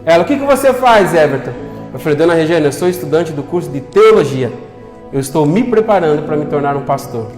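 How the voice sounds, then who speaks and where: High-voiced man preaching in a reverberant hall. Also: fairly quick. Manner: storytelling, acting out quoted voices, earnest appeals. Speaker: pastor. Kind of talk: sermon with personal story. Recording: long hall reverb with soft music.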